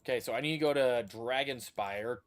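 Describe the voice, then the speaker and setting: A man's voice: medium pitch, a little fast. A man streams a video game and muses aloud as he plays. His casual talk wanders and trails off into restarts, in an ordinary mid-range voice. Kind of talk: casual livestream commentary.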